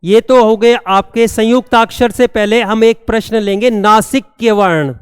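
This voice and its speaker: A man teaching a classroom grammar lesson, repeating each term slowly and checking that students have understood. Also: high voice, clear, resonant tone, studio quality. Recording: long hall reverb.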